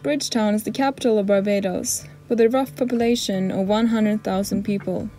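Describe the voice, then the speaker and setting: A woman's voice: medium pitch, steady tone, brisk, warm tone. A young woman chatting cheerfully on a sailboat, asking short questions and reading short travel facts. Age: young adult. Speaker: sailing vlogger. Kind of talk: casual travel vlog chat and read narration. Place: outdoors on a sailboat. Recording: music playing under the voice. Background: clear music.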